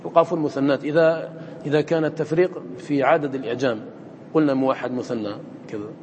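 A man with a medium-pitched, darkish voice talks fast in a steady tone while teaching a recitation lesson on a poem. He explains each step to the students in the lecture room and checks them with quick questions. Faint noise and echo fill the hall.

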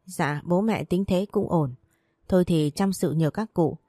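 Caring young guy in a storybook, read by a woman, low and warm, plain delivery. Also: measured pace, dry recording, studio quality. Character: young man, easygoing and caring.

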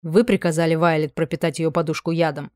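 A woman voicing a grim, menacing young dragon-lord duke who talks in short, low, growled lines, in a dry recording. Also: flat delivery, fast, darkish tone, no echo, lightly acted.

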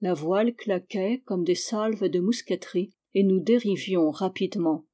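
A woman reading a novel aloud in a measured, descriptive narration. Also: mid-range voice, mellow. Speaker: audiobook reader. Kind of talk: literary narration.

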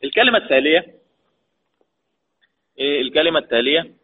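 A man with an Egyptian accent teaching Quran recitation rules, asking the class questions and answering them himself, drawing out key terms slowly. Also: on the high side, animated, a little hiss or hum. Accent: Egyptian Arabic. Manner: slow, drawn-out stress on key terms. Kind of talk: lecture mixing colloquial and formal Arabic. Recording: tinny phone-like lo-fi audio.

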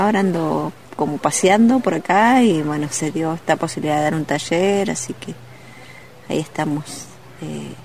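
A woman from Neuquén, a ceramist guest on a radio interview, speaking gently and hesitantly with many pauses. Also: low voice, a little hiss or hum. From Neuquén, Argentina.

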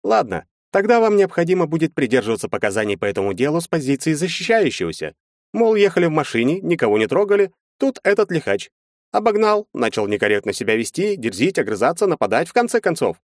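A man's voice: on the high side, big pitch swings, quick pace, no echo, studio quality, voice pushed up. A man reading an audiobook, voicing a slick middle-aged lawyer with a glib, falsely reassuring manner. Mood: smooth.

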